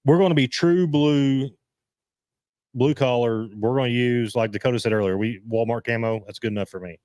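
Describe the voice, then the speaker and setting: A man hosting a casual live-stream chat, rambling and halting as he restarts his sentences. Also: medium pitch, darkish tone, dry recording. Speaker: host.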